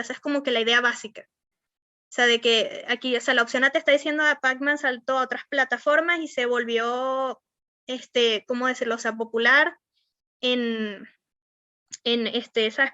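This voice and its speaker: A young woman teaches an online class in a Venezuelan accent. Her voice sits a little high and sounds bright and sharp, with plenty of fillers and constant check-ins with the students. The dry, dull lo-fi audio has no room sound. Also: fairly even intonation, moderate pace, no room sound. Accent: Venezuelan Spanish. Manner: rambling, many fillers like "o sea" and "este". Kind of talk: online class on verbal skills.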